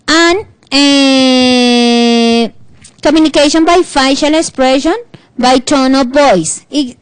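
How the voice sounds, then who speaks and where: Colombian woman teacher giving a class, pretty high voice, super dry close sound. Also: no echo. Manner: switches between reading English and explaining, animated. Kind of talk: bilingual online class lecture.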